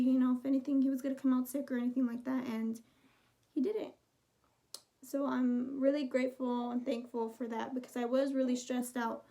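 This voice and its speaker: A woman's voice: sits high, warm tone. A woman in her twenties telling a personal story in a chatty, rambling, heartfelt way on her vlog. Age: 20s. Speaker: vlogger.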